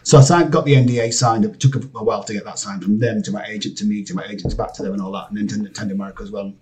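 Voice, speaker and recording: A Scottish man, a game composer, chatting in an interview, excitable and rambling with many restarts. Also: lowish voice, racing. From Scotland. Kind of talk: casual interview chat. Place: home studio area, lives in LA.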